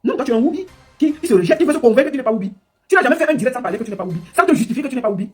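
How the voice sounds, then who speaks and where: A woman's voice: high-pitched, lively intonation, breathy edge, faint music behind. A woman giving a scolding, mocking live commentary. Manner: scolding, mocking, rapid-fire. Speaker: livestream commentator.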